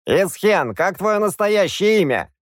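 A fussy old court wizard, as a male narrator voices him, hesitant and cautious, his voice raised a little above the narrator's and jumping around lively. Recorded dry and close. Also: fairly high pitch, normal speed, no echo, voice pushed up. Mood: eager.

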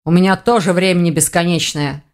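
A woman's voice: lowish voice, steady tone, brisk, natural voice. A woman voicing an impatient, sarcastic male mage in an audiobook. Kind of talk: audiobook reading.

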